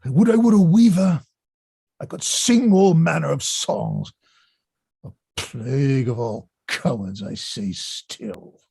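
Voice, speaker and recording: An actor reading a fat old rogue knight in a Shakespeare play, grumbling and blustering like a drunkard in a gravelly voice. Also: male voice, mid-range voice, big pitch swings, slow pace, mellow, no room sound, clean studio sound, heavily acted. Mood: gloomy grumbling. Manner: grumbling drunkard's bluster, swinging from muttering to bellowing.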